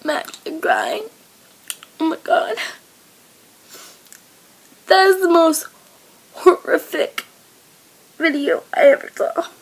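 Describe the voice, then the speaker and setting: A woman's voice: very high-pitched, fairly even intonation, slow, pauses often. A woman crying as she reacts to a video, her talk often dropping into tearful whispers. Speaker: video blogger.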